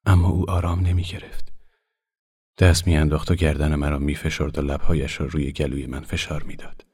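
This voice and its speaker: A man reading a literary story aloud in a soft, hushed voice that often drops to a whisper. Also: a bass voice, flat delivery, slightly rough.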